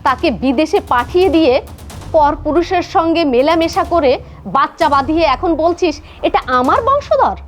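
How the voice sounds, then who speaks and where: A woman's voice: very high-pitched, expressive, normal speed, a little hiss or hum. A woman with a Bangladeshi accent playing a harsh, accusing middle-aged mother-in-law in a melodramatic film, scolding and haranguing. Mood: angry, accusing. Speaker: actor. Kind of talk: melodramatic short film acting.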